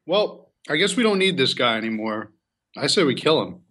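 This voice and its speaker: A man's voice: medium pitch, big pitch swings, normal speed, fairly bright tone. A man playing in a tabletop role-playing game, making playful, scheming suggestions to the group. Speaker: player. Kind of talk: casual tabletop play.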